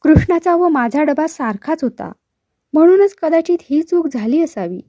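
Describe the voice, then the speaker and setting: High-voiced woman reading a story. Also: no echo, clean studio sound. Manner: measured, expressive narration. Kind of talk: reading a short story aloud.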